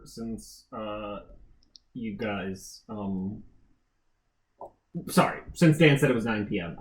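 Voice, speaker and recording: A man's voice: fairly low pitch, reverberant, low-quality recording. A man playing a tabletop game, talking loosely with many fillers and a wry tone. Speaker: player. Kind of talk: casual tabletop game chat.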